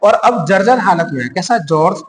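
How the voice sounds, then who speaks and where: High, lively male teacher in echoey room. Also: moderate pace. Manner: repetitive, quizzes listeners and answers himself; calls listeners friend. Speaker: exam-prep teacher. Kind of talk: mnemonic-based classroom lecture. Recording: echoey room with long reverb.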